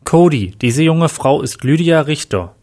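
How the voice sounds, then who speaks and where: A man's voice: on the high side, animated, unhurried, darkish tone, voice pushed up. A man voicing a stern male police superior with a pointed tone in a read-aloud story. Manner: pointed, insinuating.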